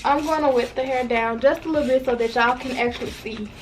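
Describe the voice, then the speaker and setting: A woman in her twenties, congested and stuffy from a cold, chats directly to viewers in a casual hair review vlog. Her voice is high-pitched and a little fast, with slight background noise from a washing machine running nearby at home.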